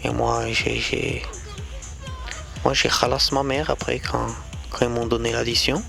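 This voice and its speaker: A man slowly telling a personal story, with many pauses and fillers. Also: mid-range voice, little pitch movement, vocal fry, over music. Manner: slow, halting delivery with many fillers. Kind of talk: storytelling anecdote.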